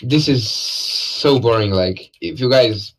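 A man's voice: medium pitch, slow, fairly bright tone, slightly rough, low-quality recording. A man casually commentating a live esports match, laid-back and joking, with lots of fillers.

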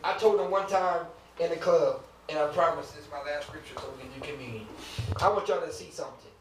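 A man's voice: a little high, quick pace. A male preacher delivering an emphatic sermon in a church, asking rhetorical questions with humor and chatty asides to the congregation. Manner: casual conversational asides to the congregation. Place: church sanctuary. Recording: echoey room, mic at a distance.

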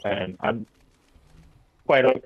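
A man's voice: medium pitch, wildly swooping pitch, slow pace, creaky. A man chatting casually with fellow players over a voice chat line that breaks up with static. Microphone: wireless headset. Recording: dull lo-fi voice chat audio.

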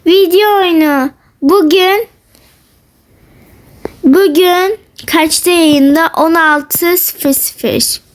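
A young woman chatting casually and playfully while commenting on her gameplay for her channel. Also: very high voice. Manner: chatty, playful, often drawn-out and teasing. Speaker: gaming vlogger.

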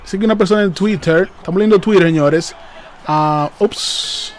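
A man hosting a live reaction stream, excitable and hyped, repeating phrases and calling out to his viewers. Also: sits high, moderate pace, slight background noise.

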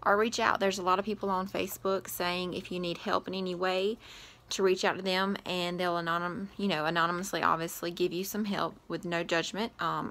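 Speaking with a lowish, bright, forceful voice, this young woman from the American South hosts a grocery haul vlog from her kitchen indoors. She's chatty and full of advice, and she says um a lot.

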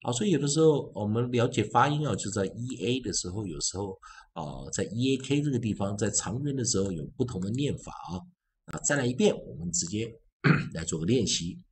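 A man teaching English pronunciation, repeating sounds and words slowly and with emphasis in a phonics lesson. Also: on the low side, expressive, a little hiss or hum. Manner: drawn-out, emphatic word drills; self-refers as teacher.

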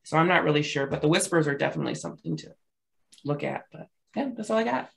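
A woman's voice: low-pitched, expressive, fast, vocal fry. A woman panelist casually analyzing a clip on a video call, chatty and acting out the quotes she describes. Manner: chatty, laughing, acts out quotes. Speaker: body language panelist.

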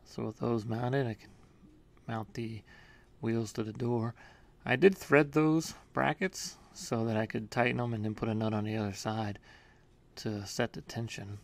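A man with a gravelly, medium-pitched voice speaks unhurriedly in a steady tone. He's a home workshop maker giving a casual voice-over of his build, laying out each step in a matter-of-fact way with minor hesitations.

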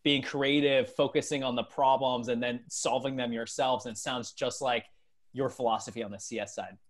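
A man in his thirties with a mid-range voice and steady tone talks at normal speed while hosting a conversational business interview. He's on a video call from a small, bright room at home, using wired earbuds.

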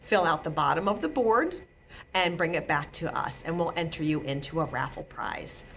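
This middle-aged woman's voice sits low but sounds a bit bright, with lively intonation, a moderate pace, and a little hiss or hum on the recording. She is leading a library storytime read-aloud for young children in a small indoor room, speaking expressively and drawing out key words.

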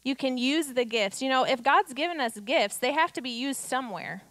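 At a moderate pace, a woman in her thirties preaches from a church stage, her voice high and bright. She acts out quotes and pushes her message with rhetorical questions, and the handheld mic records her close and dry, without any room sound.

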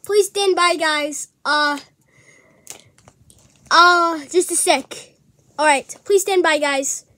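A young vlogger chatting casually to viewers while unboxing toys, easily distracted and slightly hoarse. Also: very high voice, takes it slowly, long pauses, pushed and bright.

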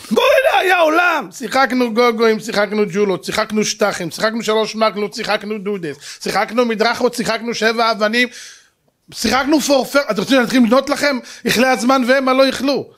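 Man, high-pitched, lively sermon delivery, acts out scenes. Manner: animated storytelling, acts out voices and sound effects. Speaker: rabbi.

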